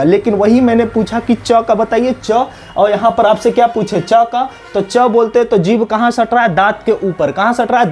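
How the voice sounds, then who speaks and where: A man teaching an exam-prep lesson, asking questions and answering them himself, dropping lower and softer on each repeated answer. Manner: drops low and soft on the repeated answer.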